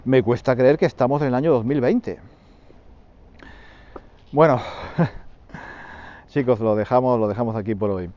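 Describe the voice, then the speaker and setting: A man hosting a podcast lesson for Spanish learners, repeating phrases slowly for his listeners. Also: mid-range voice, dark tone, dull audio. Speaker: podcast host teaching Spanish.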